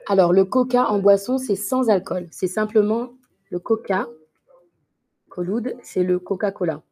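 Slow, patient French teacher woman. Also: medium pitch, warm tone. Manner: repeats practice sentences slowly and clearly. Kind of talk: live online language lesson, dictation practice.

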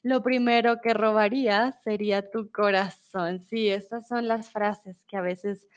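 A woman's voice: medium pitch, steady tone, measured pace, clean tone, muffled recording. A young woman teaching a live online Spanish lesson, reading out viewers' comments with patient encouragement and frequent laughter.

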